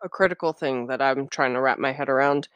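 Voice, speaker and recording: A woman's voice: extremely low pitch, fairly quick, smooth, dry recording, highs cut off. A young woman co-hosting a podcast, chatting and analysing films in a casual way, swearing now and then. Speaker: podcast co-host. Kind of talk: casual film discussion.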